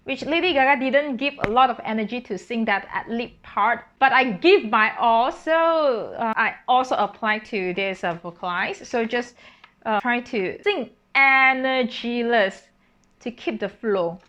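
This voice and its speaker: Unhurried and fairly bright, a slightly high-voiced woman, who both sings and composes, casually walks through how she wrote her piece. She muses aloud with fillers and self-corrections, occasionally singing solfège syllables, in a lo-fi recording.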